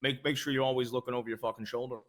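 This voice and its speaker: Blunt cursing guy playing a senator, gruff, mid pitch, stumbles over his words. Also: little pitch movement, rapid-fire, fairly bright tone. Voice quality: gruff, blunt, swears freely, stammers on restarts. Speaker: senator in a roleplay briefing. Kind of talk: role-play in a game, answering questions.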